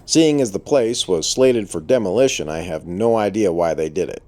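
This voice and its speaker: A man's voice: low voice, expressive, moderate pace, darkish tone. A man narrating an exploration in a casual, dry way, his voice muffled by a respirator with audible breathing. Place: inside a burned abandoned hotel.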